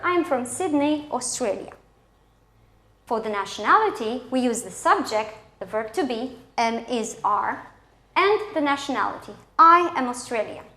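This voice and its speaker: In an echoey room, a woman whose voice sits high and fairly bright walks schoolchildren through a scripted English lesson. Her Romanian accent comes through as she pronounces each example in a teacherly way.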